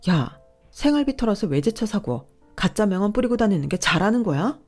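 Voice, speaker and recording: A woman's voice: medium pitch, big pitch swings, moderate pace, faint music behind, pitched above the performer's own voice. A woman reading a furious scolding wife. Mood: scornful. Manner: yelling, scolding, sharp insults.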